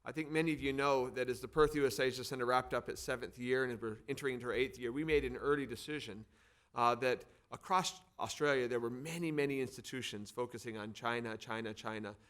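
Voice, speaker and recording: A middle-aged American man from Arizona heads a think tank and is hosting an event, introducing speakers in a semi-formal, partly improvised way and repeating words for emphasis. His mid-range voice is a bit bright and fairly quick.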